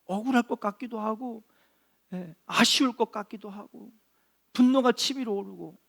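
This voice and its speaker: A middle-aged male pastor delivering a sermon in an earnest, unhurried way. His voice sits a little on the higher side for a man. He leans on rhetorical questions and short affirming interjections. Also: gravelly, fairly bright tone.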